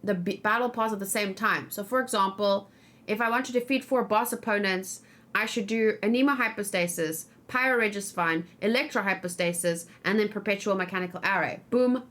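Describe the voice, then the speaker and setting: Here a woman hosts a casual live gaming stream, musing informally and talking with her audience. She has a mid-range, fairly bright voice and keeps a moderate pace.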